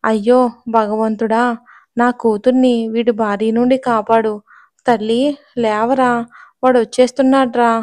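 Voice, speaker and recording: A woman's voice: a little high, level tone, unhurried, long pauses, darkish tone, lightly acted. A woman voicing a desperate middle-aged father in an audio story, pleading and tearful. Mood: frantic.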